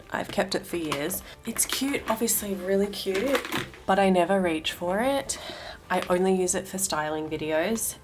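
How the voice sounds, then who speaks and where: A young woman, talking casually at home as a lifestyle vlogger, chatty and relaxed, often correcting herself mid-sentence. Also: on the low side, noisy background. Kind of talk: casual vlog talk and voice-over. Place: at home, in a wardrobe room.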